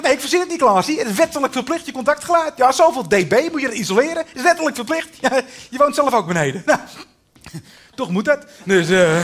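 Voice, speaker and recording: A man's voice: high voice, fairly bright tone. A man playing a pushy, overly familiar contractor in a cabaret sketch, talking in brash, repetitive sales patter. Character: pushy chummy male contractor, upselling. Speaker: contractor inspecting a house.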